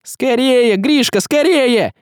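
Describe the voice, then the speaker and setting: A man voicing a desperate young male hero in an audiobook, shouting commands urgently. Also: very high-pitched, slow, no room sound, studio quality, voice pushed up.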